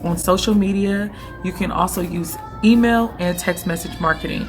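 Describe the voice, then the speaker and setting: Here a young woman with a failing, hoarse voice gives relaxed vlog pointers on operating an online boutique, coaching plainly and checking in with whoever's listening. Her pitch is fairly low, her pace moderate, and music plays in the background.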